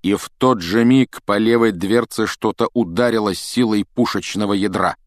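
Casting: deep-ish male audiobook narrator, dramatic storyteller, dry close studio sound. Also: normal speed, dry recording. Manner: dramatic storytelling, voices characters. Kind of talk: expressive audiobook reading.

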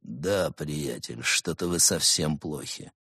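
A man voicing a stern, grim monk who speaks low and quietly menacing. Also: slow pace, slightly rough, no room sound, clean studio sound, exaggerated voice. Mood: dry.

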